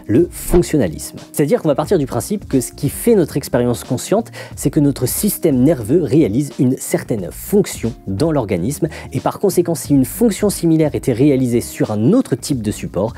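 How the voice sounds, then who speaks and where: Lively dark-voiced male explainer. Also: medium pitch. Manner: lively, didactic, with frequent "hein". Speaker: video essay host. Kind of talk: explanatory video essay.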